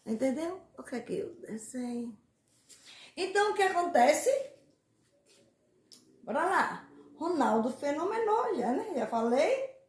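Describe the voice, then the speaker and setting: A woman's voice: sits high, sing-song, measured pace, pauses often, recorded from a distance. A woman in a casual monologue, rambling and repeating words as she explains letter sounds in names, laughing at herself now and then. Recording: echoey room, faint background noise.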